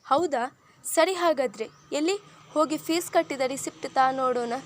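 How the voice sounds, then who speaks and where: A woman's voice: sits high, normal speed, slight background noise, close to an everyday voice. A woman voicing a stern elder sister who questions firmly and sharply. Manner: firm, probing.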